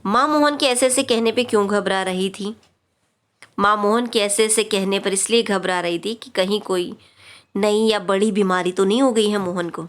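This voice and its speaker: A woman's voice: medium pitch, moderate pace. Patient woman teacher explaining. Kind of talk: classroom lesson explaining a worksheet.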